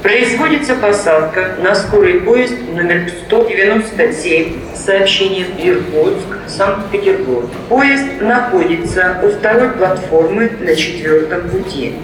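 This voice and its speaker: A railway station announcer reading a formal, scripted boarding announcement over a public address loudspeaker in a measured way. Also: medium pitch, animated. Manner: formal, repetitive, measured delivery. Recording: echoing station loudspeaker, distant, crowd noise.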